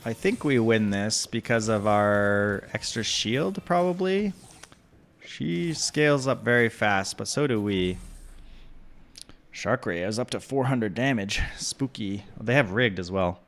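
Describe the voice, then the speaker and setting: A man talking through his video game turns in a relaxed, casual way, thinking out loud with frequent ums. His voice sits low with a creaky, gravelly edge, and he speaks slowly. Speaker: gameplay commentator. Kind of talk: casual gaming commentary.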